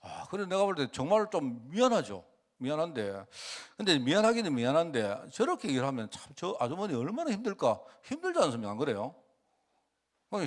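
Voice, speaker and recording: Lively, conversational male pastor preaching. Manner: conversational, asks the congregation questions often; lively swings in pitch and loudness. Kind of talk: sermon.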